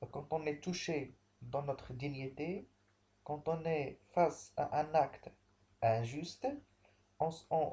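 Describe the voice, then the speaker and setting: A man teaching a remote language lesson, explaining slowly and repeating himself, with frequent restarts. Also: on the high side, dark tone. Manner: slow, repetitive explaining with many restarts. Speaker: French teacher.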